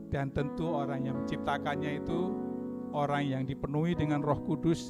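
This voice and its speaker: A man serving as worship leader, praying earnestly in a measured cadence in a church and then introducing a hymn. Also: mid-range voice. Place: church sanctuary. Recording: long church hall reverb with music. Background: soft instrumental music.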